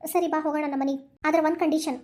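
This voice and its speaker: Woman as a fearful young daughter in a cartoon, North Karnataka accent, quick delivery. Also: high-pitched, steady tone, darkish tone, close to an everyday voice. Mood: timid. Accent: North Karnataka Kannada. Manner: hesitant, fearful. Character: tearful, ashamed young married daughter. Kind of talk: cartoon voice acting.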